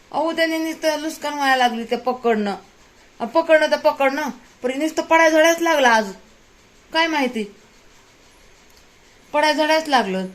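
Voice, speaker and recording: A middle-aged woman, complaining aloud as she cooks in her home kitchen and talks to viewers. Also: fairly high pitch. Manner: exasperated, complaining, talks while cooking. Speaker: home vlogger. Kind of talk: casual kitchen vlog talk to viewers.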